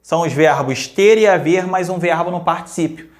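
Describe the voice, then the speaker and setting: Man teaching grammar, Brazilian accent, upbeat, slightly high voice, repeats examples slowly. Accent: Brazilian Portuguese. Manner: lively, checks in with rhetorical questions. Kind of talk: grammar lesson.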